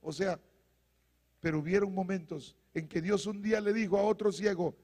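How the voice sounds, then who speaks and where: A male preacher with a strikingly high, gravelly voice that climbs into shouts. He calls out to his congregation in a fiery sermon. The sound rings with the long reverb of a church hall. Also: steady tone, normal speed. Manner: preaching with rising shouts and congregational call-and-response. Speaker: pastor.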